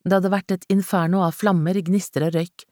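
A woman narrating a novel in a measured, dramatic storytelling manner. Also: on the low side, steady tone, a little mellow, no echo. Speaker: audiobook narrator. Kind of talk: scripted narration. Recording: dry close studio sound.

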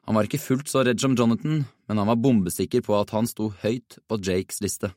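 A man narrating a children's storybook in an even, measured reading. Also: on the low side, no room sound, studio quality. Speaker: audiobook narrator.

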